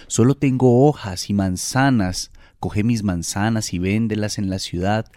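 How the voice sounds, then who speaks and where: A man voicing a gentle, generous male tree, speaking softly and tenderly. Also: lowish voice, unhurried, no echo, clean studio sound, natural voice.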